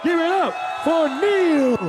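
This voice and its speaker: Slow, high-pitched male boxing ring announcer. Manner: booming showman delivery with stretched-out words. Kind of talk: boxing ring announcer introductions, shouted and drawn out. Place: cage fight venue with a crowd. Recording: live event, crowd and faint noise.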